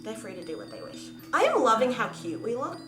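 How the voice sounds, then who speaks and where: An Australian woman in her twenties co-hosting a casual chat at home, bubbly, excitable and blunt. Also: on the high side, a little fast. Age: 20s. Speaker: co-host. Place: home, in a pillow fort indoors. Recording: echoey room with background music.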